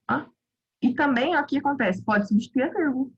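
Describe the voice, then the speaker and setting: A woman teacher with a Brazilian Portuguese accent, giving a quick, informal grammar review with lots of self-interruptions. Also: high voice, lively intonation, breathy edge, lo-fi sound. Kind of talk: online grammar review lesson.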